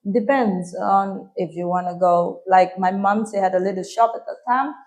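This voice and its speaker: A woman in her thirties with a Vietnamese accent, answering interview questions in English softly and with frequent hesitations. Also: medium pitch, moderate pace. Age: 30s. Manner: soft-spoken, hesitant with frequent ums. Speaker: guest.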